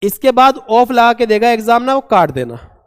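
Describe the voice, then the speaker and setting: A man teaching a vocabulary lesson, asking and answering his own questions and reading English examples out slowly. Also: extremely high pitch, big pitch swings. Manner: asks and answers his own questions, calls students "beta". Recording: long echoing reverb.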